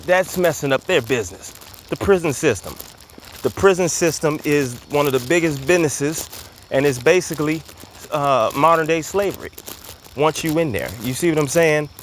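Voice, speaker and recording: A man's voice: mid-range voice, slight background noise. Slightly breathless man talking while walking. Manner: loose, emphatic, frequent fillers and repeats. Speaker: commentary host. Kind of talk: casual monologue while walking. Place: outdoors, walking.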